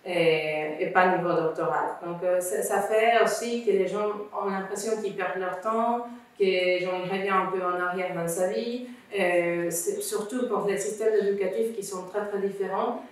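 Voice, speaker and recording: A woman from Venezuela talks as an interview guest, earnest and methodical, laying out her points one by one. Her voice sits at a middle pitch. The recording sounds roomy and echoey, with the mic set some distance away. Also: steady tone, normal speed. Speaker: guest, founder of a refugee student association. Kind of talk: conversational interview.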